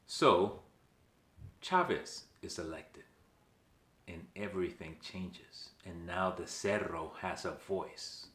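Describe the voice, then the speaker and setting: This Venezuelan channel host speaks to the camera in a low, animated voice that sounds pushed and bright, taking things slowly in a reverberant room. He's emphatic and regularly checks in with viewers using "okay" and questions.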